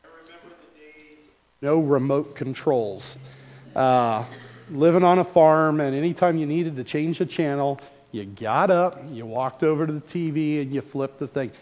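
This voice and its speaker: Folksy pastor preaching in a hall. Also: male voice, on the high side, normal speed, darkish tone. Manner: folksy, conversational. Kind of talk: sermon. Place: church sanctuary. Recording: reverberant church hall.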